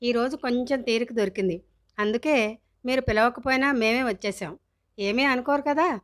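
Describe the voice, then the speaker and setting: A woman's voice: fairly high pitch, moderate pace, natural voice. A woman reading a storybook, voicing a friendly middle-aged male relative who speaks cheerfully with a smile. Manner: cheerful, smiling.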